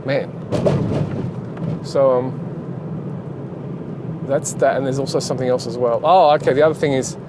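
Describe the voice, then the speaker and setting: Aussie guy rambling about his game dev stuff while he drives, mid pitch, loud car noise. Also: fairly even intonation, moderate pace, pauses often. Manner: rambling, full of fillers and restarts. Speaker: game developer and channel host. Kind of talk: casual driving vlog. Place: inside a car while driving. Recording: road noise inside a moving car.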